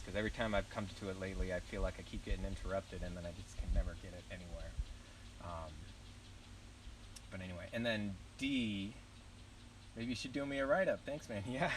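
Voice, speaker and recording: A man's voice: lowish voice, distant mic, slight background noise, low-quality recording. A young man with a Southern US accent, chatting loosely while streaming live, rambling and swearing casually. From southern United States. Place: outdoors at a campground.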